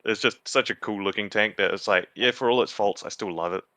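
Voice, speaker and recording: Low, clear, bright-voiced man. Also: a little fast, no echo. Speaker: podcast co-host presenting. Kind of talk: casual explanatory chat.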